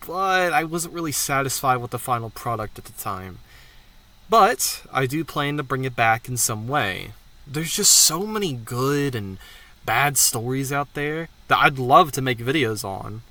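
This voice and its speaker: Hosting his own channel, a man talks through his plans in a candid, rambling update, swearing often. His medium-pitched voice sounds pushed and bright in this casual monologue.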